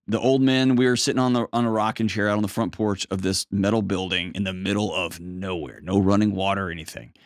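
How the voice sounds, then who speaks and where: A man's voice: fairly low pitch, dry recording, studio quality. A man counseling a caller as host of an advice show, in a conversational, plain-spoken and emphatic way with folksy turns of phrase. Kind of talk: conversational coaching.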